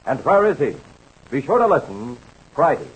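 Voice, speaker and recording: An American man in the manner of an old radio announcer, reading scripted narration and ad pitches emphatically to young listeners. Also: sing-song, normal speed, husky, poor audio.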